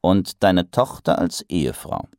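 A man voicing a serious, dutiful male secretary who answers gravely and respectfully. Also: low voice, expressive, unhurried, darkish tone, no echo, clean studio sound. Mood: deadpan.

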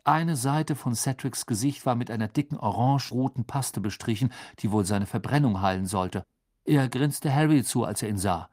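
A man narrating an audiobook in an expressive storytelling voice, recorded close in a studio. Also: mid-range voice, normal speed, no room sound. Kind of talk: scripted narration.

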